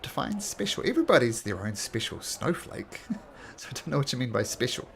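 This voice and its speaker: A man's voice: medium pitch, big pitch swings, fairly quick, vocal fry, fairly bright tone, a little hiss or hum. A man improvising narration as the game master of a tabletop role-playing game.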